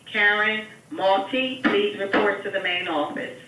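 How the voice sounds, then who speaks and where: A woman making an announcement over a school intercom loudspeaker, calling someone to the office in a measured, repeating way. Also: medium pitch. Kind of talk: public address announcement. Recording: echoey intercom speaker heard from far off.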